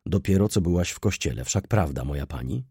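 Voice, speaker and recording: A stern, brooding middle-aged merchant, terse and commanding, in a very low, dark and husky voice, as a male narrator reads him. His lines come quietly, even lower than the narration. The sound is close and dry. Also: brisk, no echo, exaggerated voice. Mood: grave, stern.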